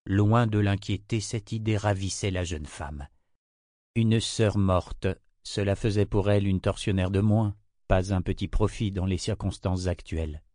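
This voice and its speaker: Low-voiced man reading an audiobook. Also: a little slow, dark tone, no echo, studio quality. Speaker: narrator. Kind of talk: audiobook narration.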